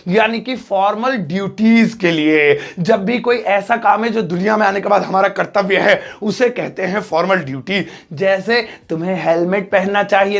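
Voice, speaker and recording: High-voiced joking teacher. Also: male voice, creaky. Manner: joking, lively teacher explaining grammar with acted examples. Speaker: English teacher. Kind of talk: classroom lesson.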